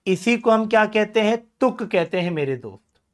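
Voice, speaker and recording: A man's voice: high-pitched, animated, moderate pace. Teacher quizzing his own class. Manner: addresses students as friends, asks and answers his own questions; self-deprecating joking asides. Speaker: Hindi grammar teacher. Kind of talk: exam-prep lesson.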